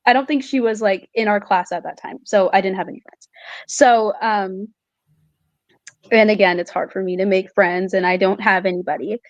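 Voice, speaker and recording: A woman's voice: mid-range voice, steady tone, normal speed, dry recording, muffled recording. A young adult woman, a student guest, speaking hesitantly with many fillers. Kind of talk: casual interview chat.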